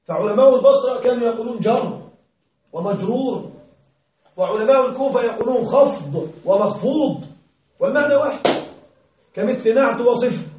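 A male grammar teacher giving a classroom lesson, questioning his students, checking that they follow and repeating key words slowly. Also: extremely high pitch, animated, a little mellow. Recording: very echoey room, distant mic.

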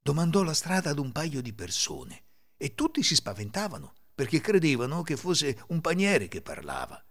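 A man hosting a podcast and narrating folk fairy tales in an expressive, lilting storytelling manner. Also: on the high side, moderate pace. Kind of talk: scripted fairy-tale narration.

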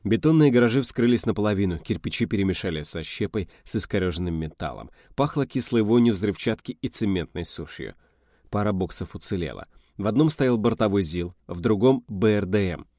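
A man narrating an audiobook in a steady, even storytelling manner. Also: on the low side, brisk, no room sound, clean studio sound.

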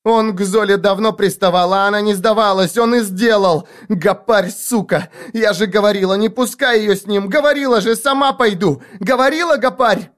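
A woman's voice: sits low, sing-song, brisk, voice pushed up. A man voicing a fierce young street girl who screams insults in a furious, spitting way. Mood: furious screaming.

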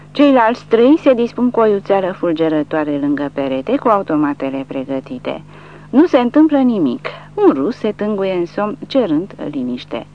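Woman narrating a war audiobook, animated. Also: fairly low pitch. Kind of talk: scripted narration. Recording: dull lo-fi recording with faint hum.

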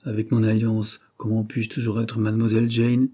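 A man voicing a gentle, devoted young married daughter who speaks softly and pleads with worry. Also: on the low side, completely flat delivery, normal speed, natural voice. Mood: worried.

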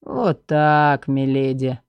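A woman voicing a scheming male mage who talks quietly and caressingly. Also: rumbling low, takes it slowly, smooth, dry recording, lo-fi sound, pitched below the performer's own voice, full character voice. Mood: coaxing.

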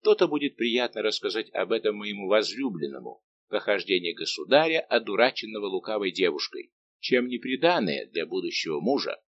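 A man's voice: lowish voice, very animated, a little fast, fairly bright tone, muffled recording, full character voice. A man reading as a bitter, mocking young king. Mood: cold. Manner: cold, sarcastic.

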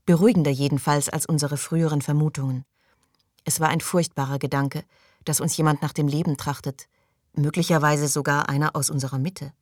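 A man's voice: on the high side, fairly even intonation, fairly quick, no room sound, studio quality, lightly acted. A man reading an audiobook, voicing a frail older woman huddled under a blanket who hesitantly seeks reassurance. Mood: relieved.

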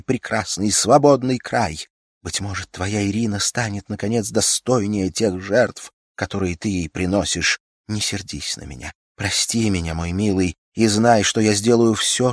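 A man's voice: no room sound, studio quality, close to an everyday voice. A man reading an audiobook, voicing a young, passionate and nervous noblewoman who pleads dramatically. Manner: dramatic, pleading, high-strung.

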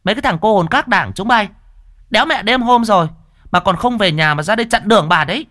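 A man's voice: lively intonation, quick pace, sharp tone, no room sound, studio quality. A man voicing a hot-tempered village woman, in a told ghost story. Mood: cursing. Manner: shrill, panicky falsetto.

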